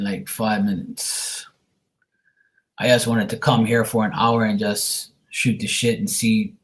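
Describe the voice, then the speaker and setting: Casual, encouraging man chatting on a livestream. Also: medium pitch. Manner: informal, encouraging advice, addresses viewers by name. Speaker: psychic reader and livestream host. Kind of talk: casual livestream chat with viewers.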